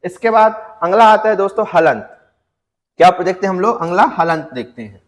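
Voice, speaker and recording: Man, grammar teacher, high voice, quizzing students then answering, long reverberant room. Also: animated. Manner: addresses students as friends, asks and answers own questions; stretches out example words slowly for stress. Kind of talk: exam-prep lecture.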